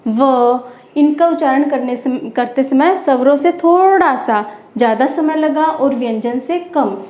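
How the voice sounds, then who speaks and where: High-voiced woman teaching a grammar lesson. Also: unhurried, darkish tone. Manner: asks the class questions and answers them herself, repeating key terms. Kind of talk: Hindi grammar lesson for schoolchildren. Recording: roomy, dull lo-fi classroom recording.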